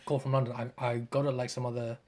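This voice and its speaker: A man's voice: medium pitch, flat delivery, fast talker, darkish tone. A man chatting casually as a podcast guest, laid-back, swearing freely and trailing off. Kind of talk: casual chat.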